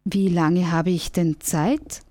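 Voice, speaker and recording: A woman voicing a sleepy, grumbling big male bear in a children's radio story, in an unhurried way. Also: lowish voice, fairly even intonation, darkish tone, no room sound. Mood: grumpy, sleepy.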